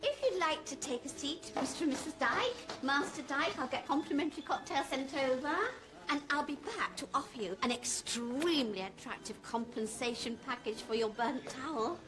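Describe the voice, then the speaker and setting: An actress playing a bossy, pretentious female hotel manager who talks briskly and with put-on refinement. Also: sits high, natural voice. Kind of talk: sitcom acting.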